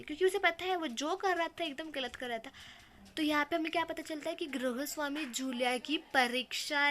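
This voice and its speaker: A woman teacher with a high voice explains a story to her students. She retells the lines, pauses to define words, and speaks to the children directly. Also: fairly bright tone, slight background noise. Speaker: Hindi teacher.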